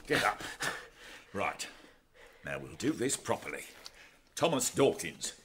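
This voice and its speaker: An actor playing a gruff, commanding middle-aged English police inspector in a radio drama, easily exasperated. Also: male voice, deep voice, sing-song, slow, a bit bright, slight background noise, exaggerated voice. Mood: angry, commanding. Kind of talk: British radio drama acting.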